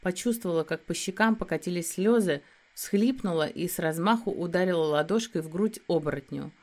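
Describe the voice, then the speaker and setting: A woman narrating a first-person fantasy audiobook in a steady storytelling delivery. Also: fairly low pitch, a little fast.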